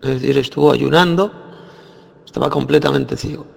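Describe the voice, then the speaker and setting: A man's voice: mid-range voice, moderate pace, gravelly, long reverb tail. A man teaching from the Bible, explaining it verse by verse and answering his own questions. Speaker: preacher.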